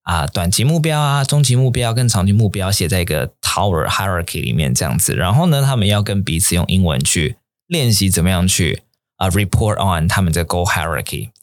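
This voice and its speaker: Man, low voice that swings widely, English teacher explaining phrases, dry close mic. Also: fairly quick, dry recording. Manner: animated, mixes English phrases into Mandarin. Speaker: English teacher and podcast host.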